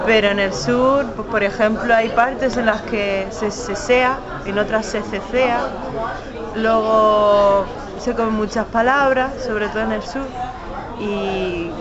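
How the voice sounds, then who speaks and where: Young adult, central Spain Spanish accent, measured explaining, dull lo-fi sound. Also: mid-range voice, steady tone. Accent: central Peninsular Spanish. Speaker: interviewee. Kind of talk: casual interview. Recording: dull lo-fi audio, loud crowd. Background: crowd chatter.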